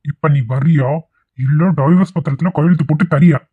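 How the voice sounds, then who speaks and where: Male actor for a hot-tempered rural cartoon husband with a Kongu Tamil accent, talking fast and a little high. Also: slightly rough, no room sound. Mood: angry. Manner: shouting, nagging. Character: angry young village husband, scolding. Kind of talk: cartoon voice acting. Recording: tinny lo-fi phone-like audio.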